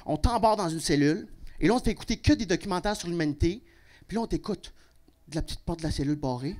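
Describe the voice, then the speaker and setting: A young man with a Québécois accent works a comedy club crowd. His delivery is brash and full of swearing, and it jumps without warning from a low mutter into loud bursts. He talks into a handheld stage mic. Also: animated, quick pace. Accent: Québécois French. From Quebec. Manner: brash and profane, with sudden loud outbursts. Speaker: stand-up comedian. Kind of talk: stand-up comedy set.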